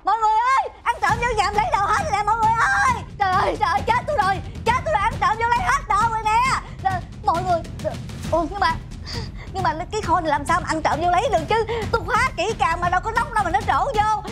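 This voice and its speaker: A woman's voice: very high-pitched, animated, rapid-fire. An actress playing a frantic older mother who wails and scolds her husband. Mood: panicked. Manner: wailing, scolding, melodramatic outbursts. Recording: loud background music score.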